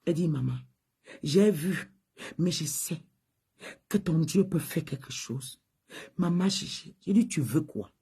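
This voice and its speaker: A woman pastor preaching a sermon, telling a testimony with loud high exclamations and low hushed asides. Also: measured pace, pauses often. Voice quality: husky.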